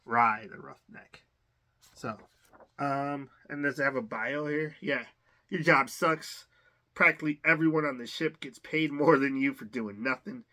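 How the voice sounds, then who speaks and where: Feeling under the weather, with the odd cough, a bright-voiced man chats through an unboxing for his collector's channel, hesitant and rambling as he thinks out loud. His mid-range voice moves a little slowly in this casual commentary.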